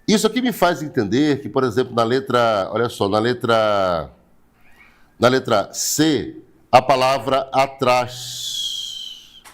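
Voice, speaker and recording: A man's voice: mid-range voice, animated, unhurried. A Brazilian man teaching an online writing class, repeating key points step by step and reading viewers' names. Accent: Brazilian Portuguese. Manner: repetitive, explains step by step, asks rhetorical questions; greets viewers by name, blesses them.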